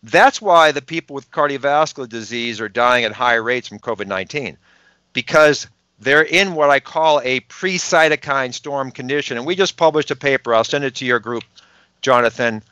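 Bright, emphatic man with a Boston accent. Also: mid-range voice, clean tone, no room sound, lo-fi sound. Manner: emphatic, rhetorical questions, quick asides. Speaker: podcast guest, health researcher. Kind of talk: explanatory interview talk.

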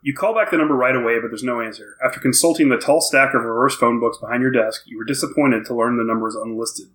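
A man leading a tabletop story game, explaining the rules and reading the opening story card aloud at a steady pace. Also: mid-range voice, fast talker, rough recording.

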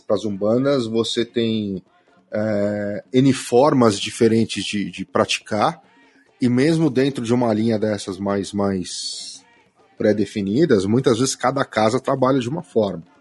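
A man's voice: on the low side, measured pace, darkish tone, breathy edge. A Brazilian man, a guest on a podcast interview, talking casually and emphatically and swearing when he gets annoyed. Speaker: podcast guest, umbanda practitioner.

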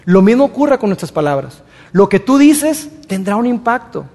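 A man preaching a sermon as pastor, in a conversational way, acting out everyday excuses in quick asides. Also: high-pitched, big pitch swings, darkish tone. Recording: long reverb of a large hall.

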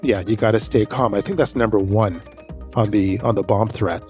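A man's voice: lowish voice, moderate pace, darkish tone, faint music behind. A man hosting a story podcast, telling a personal anecdote in a casual, rambling way that repeats itself. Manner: rambling, repeats himself, conversational. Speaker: podcast host.

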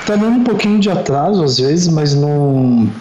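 A man with a São Paulo accent chats loosely and swears freely, his voice pitched a little high. He comes through dull lo-fi online call audio, muffled and roomy. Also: lively intonation, moderate pace, dark tone, faint music behind. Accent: São Paulo Portuguese. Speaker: podcast co-host. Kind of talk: casual chat.

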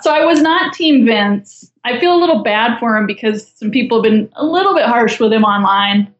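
A woman's voice: on the high side, expressive, moderate pace, roomy sound, dull audio. A woman guest in a casual podcast chat, talking with a wry, chatty, judgmental humor.

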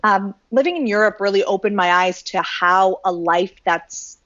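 A woman's voice: mid-range voice, normal speed, no room sound, highs cut off. A woman from Canada giving an interview, talking casually and animatedly, with lots of "like". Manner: animated, uses "like" often. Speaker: guest.

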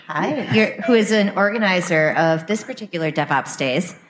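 A woman hosting a casual live podcast interview, speaking in a halting way and often restarting her sentences. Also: on the low side, expressive. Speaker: podcast host. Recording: live room recording, faint noise.

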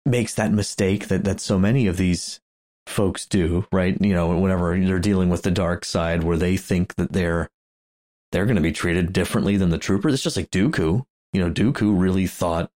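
Low-pitched, chatty podcast co-host who laughs through his points. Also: a little mellow. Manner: rambling, chuckling, many restarts. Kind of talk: casual chat.

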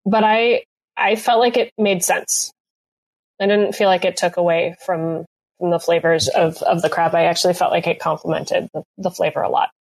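A woman's voice: on the low side, fairly even intonation, normal speed, vocal fry. Hesitant woman chef chatting casually. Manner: hesitant, lots of ums and restarts. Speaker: chef guest recapping a cooking competition. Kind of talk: casual podcast chat.

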